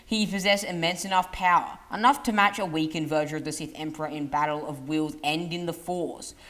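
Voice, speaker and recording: Low-voiced woman narrating lore. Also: fairly even intonation, a little fast, fairly bright tone.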